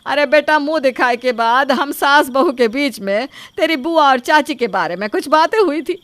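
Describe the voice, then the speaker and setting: A woman voicing a sharp-tongued middle-aged mother-in-law who scolds sarcastically. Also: high voice, expressive, normal speed, dry recording. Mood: scolding.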